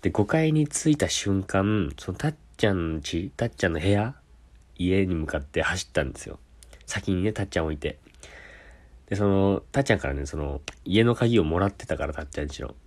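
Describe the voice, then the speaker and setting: A man with a deep, husky voice tells a personal story in a casual, animated way. His pitch swings widely as he builds the tale and slips into the voices of the people in it. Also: brisk. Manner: animated, acts out quoted voices. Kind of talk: casual anecdote.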